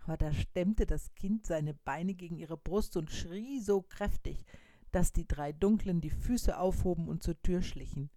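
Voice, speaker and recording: A woman reading a story aloud, slowly and quietly, sometimes in a whisper. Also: lowish voice, no room sound.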